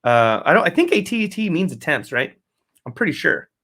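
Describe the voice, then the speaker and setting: Male host, slightly high-pitched, casual solo rant, heavy swearing, rambles and backtracks. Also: sing-song, normal speed, pushed and bright. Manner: profane, rambling, self-correcting. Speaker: fantasy football podcast host.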